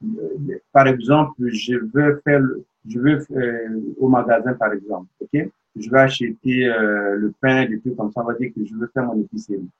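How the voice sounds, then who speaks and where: A man's voice: medium pitch, steady tone, normal speed, husky, muffled recording. A man hosting an interview, explaining things and addressing the viewer. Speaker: interview host.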